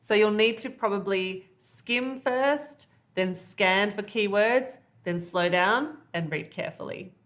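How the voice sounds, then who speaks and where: Woman, exam-prep teacher, clear and patient, step-by-step explanations, mid-range pitch. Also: slow pace, hardly any pauses, fairly bright tone. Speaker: IELTS teacher. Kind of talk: online exam-prep lesson.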